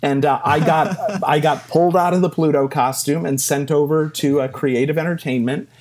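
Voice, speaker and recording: Man telling lively career stories. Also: fairly high pitch, moderate pace. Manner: animated anecdotes with self-deprecating laughs and acted-out quotes. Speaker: interview guest. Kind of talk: storytelling in a casual interview.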